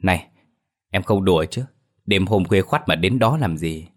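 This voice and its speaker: A man's voice: sits low, lively intonation, moderate pace. A man voicing a young male taxi driver who talks earnestly and with concern. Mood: uneasy. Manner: earnest, concerned, stammering when scared.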